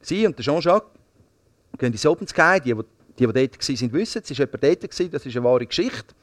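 A middle-aged man with a Swiss German accent preaching a sermon, telling stories in a lively way, repeating words and swinging between hushed and loud passages. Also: medium pitch, fairly quick, dry recording. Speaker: pastor.

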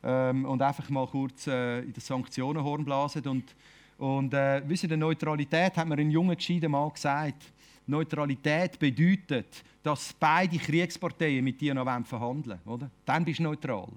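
A man's voice: fairly high pitch, fairly even intonation, normal speed. A man with a Swiss German accent preaching an informal sermon, talking conversationally and often ending phrases with a questioning tag. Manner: conversational, keeps asking "oder?".

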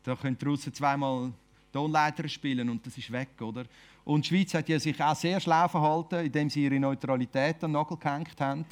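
A man's voice: a little high, steady tone, a little fast. A man with a Swiss German accent preaching an informal sermon, talking conversationally and often ending phrases with a questioning tag. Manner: conversational, keeps asking "oder?".

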